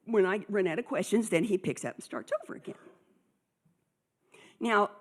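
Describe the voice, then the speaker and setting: Woman, husky voice, lively storytelling, acts out dialogue, conference talk. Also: medium pitch. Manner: animated storyteller acting out dialogue. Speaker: conference speaker.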